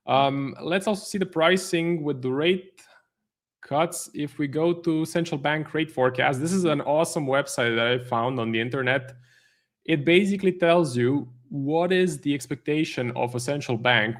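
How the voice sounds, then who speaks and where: A man, a trading stream host giving live market commentary, thinking aloud with many fillers and restarts. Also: fairly high pitch. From Croatia.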